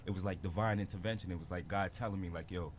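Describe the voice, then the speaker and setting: A man's voice: low-pitched, fairly even intonation, quick pace, a little hiss or hum. A man from Barbados in his thirties, a rapper telling his story in a laid-back casual interview full of slang. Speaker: guest rapper.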